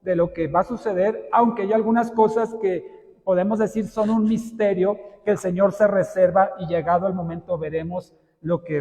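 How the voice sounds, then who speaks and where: A man preaching a sermon as pastor, explaining slowly and putting questions to the congregation. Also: high voice, darkish tone. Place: church sanctuary. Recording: long hall reverb.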